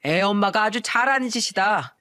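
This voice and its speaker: A woman's voice: mid-range voice, expressive, moderate pace, faint music behind. A woman voicing a brazen, hot-tempered middle-aged father who talks with scorn, in a told family story. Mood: dismissive. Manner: shouting, scornful.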